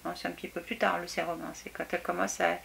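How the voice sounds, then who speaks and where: A woman's voice: on the low side, level tone, fast, creaky, fairly bright tone. A young adult woman chatting casually through a beauty product review, hesitant, with many fillers and restarts. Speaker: beauty vlogger.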